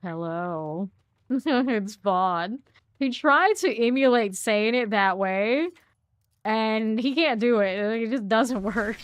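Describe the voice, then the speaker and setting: A woman's voice: on the high side, animated, takes it slowly, no room sound. A woman streaming a game, chatting casually and rambling to her viewers as she plays. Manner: chatty, rambling, talks to chat. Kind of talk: casual gameplay chat.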